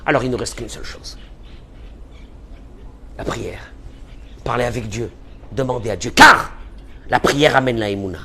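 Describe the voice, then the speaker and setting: A man giving an impassioned religious lecture as a rabbi, pleading and repeating phrases for emphasis, dropping to a hush and then rising loud. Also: mid-range voice, moderate pace, long pauses, slight background noise. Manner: pleading, emphatic repetitions, swings from hushed to loud.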